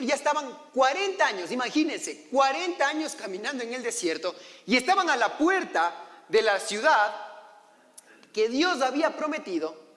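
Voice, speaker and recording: Male pastor, animated storytelling sermon, high voice, long hall reverb. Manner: storytelling, acting out quoted voices, asking the congregation. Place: church hall.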